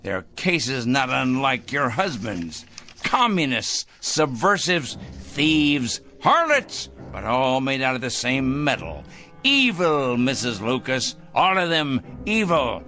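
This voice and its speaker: A male actor plays a pompous, self-righteous, middle-aged crank who writes letters, in a heavily acted 1960s TV drama. His mid-range voice moves slowly yet lively, sanctimonious in mood and manner, on an old TV soundtrack with faint music behind it.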